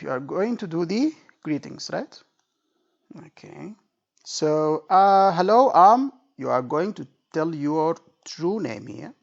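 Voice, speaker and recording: An exam tutor gives an informal spoken lecture, acting out example phrases, repeating his points and constantly checking in with "okay" and "right." His voice is creaky and fairly high. The recording sounds dull and lo-fi.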